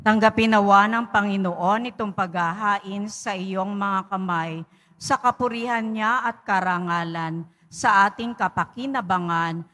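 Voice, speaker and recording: A woman's voice: medium pitch, measured pace, a bit bright. A woman serving as commentator at mass, giving formal announcements and responses. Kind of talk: liturgical responses. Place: large church. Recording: long church reverb.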